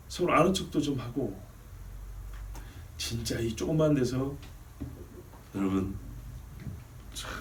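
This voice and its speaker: A man's voice: fairly high pitch, distant mic, a little hiss or hum. A male pastor preaching a sermon, telling stories and often asking the congregation questions. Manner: animated storytelling with questions to the congregation. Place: church sanctuary.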